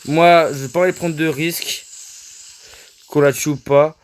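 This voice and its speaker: A young man giving casual, excitable commentary on his own gameplay, often stammering and repeating himself as he talks to his viewers. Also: fairly high pitch, moderate pace, noisy background. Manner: excitable, stammering, addresses viewers as "les gars". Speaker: gaming video creator.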